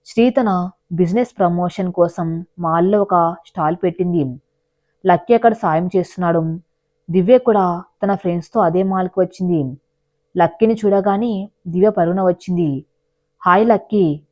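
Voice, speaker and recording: A woman's voice: on the low side, normal speed, long pauses, warm tone. Telugu woman narrating a dramatic story.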